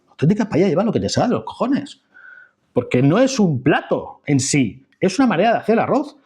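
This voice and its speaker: Chatty, digressive Spanish man with husky voice. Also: sits high, very animated, a little fast, a little mellow. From Spain, Catalan-speaking Levante. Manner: digressive, chatty, many fillers and tag questions. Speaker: video host. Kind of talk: casual explanatory monologue.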